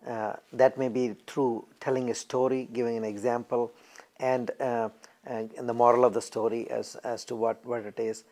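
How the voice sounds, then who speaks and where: A man with an Indian English accent speaks in a documentary interview. He explains things carefully, pausing often on fillers. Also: mid-range voice, flat delivery, a little mellow. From New Delhi, India. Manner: measured explanation with frequent fillers. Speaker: temple member.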